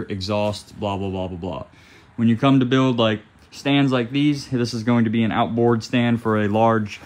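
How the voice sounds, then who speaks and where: A young man chatting casually while unboxing and setting up a welder in his garage workshop. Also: medium pitch. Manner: chatty, loose, talks while working with his hands. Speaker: welding hobbyist vlogger. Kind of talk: casual unboxing and how-to talk. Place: garage workshop with concrete floor. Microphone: phone camera held or propped nearby.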